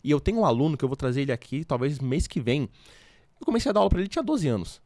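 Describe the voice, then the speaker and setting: A man talks quickly and explains things the way a teacher does in a relaxed podcast chat. His voice is close and dry on the mic, with no room sound around it. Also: fairly high pitch, no echo. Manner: quick, explanatory, giving study advice. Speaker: English teacher and podcast host. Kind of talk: casual podcast conversation.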